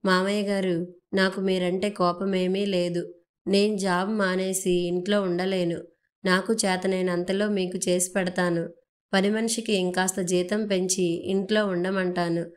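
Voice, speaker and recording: A woman's voice: fairly low pitch, level tone, a little slow, natural voice. A woman voicing a proud young working wife who speaks in a heated, indignant way. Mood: earnest.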